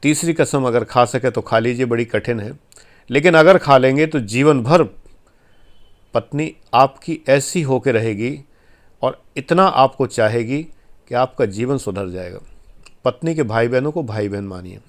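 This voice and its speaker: A man's voice: medium pitch, measured pace. A man giving a motivational talk on life and marriage, earnest and exhorting, with firm emphasis. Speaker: life coach giving advice.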